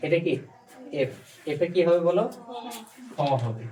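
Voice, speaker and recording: Unhurried and warm in tone, with a medium-pitched voice, a spoken English teacher patiently guides a learner through phonics, repeatedly asking questions to confirm understanding. Faint background noise and a distant mic color the recording.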